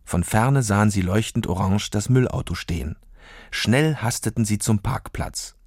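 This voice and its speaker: A man calmly reading a children's story aloud as narrator, in an even storytelling manner. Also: fairly low pitch, moderate pace, dry recording, studio quality. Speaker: audiobook narrator.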